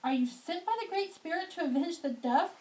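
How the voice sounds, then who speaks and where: A woman's voice: extremely high pitch, lively intonation, brisk, darkish tone. A woman voicing a gullible, nervous sock puppet king in a goofy, over-dramatic way for an amateur show. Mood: awed, pleading. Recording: distant mic with faint noise.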